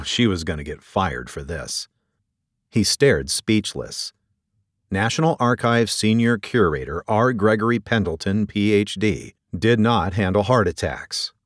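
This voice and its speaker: Expressive male audiobook narrator. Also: fairly low pitch, no echo, clean studio sound. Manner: expressive storytelling delivery.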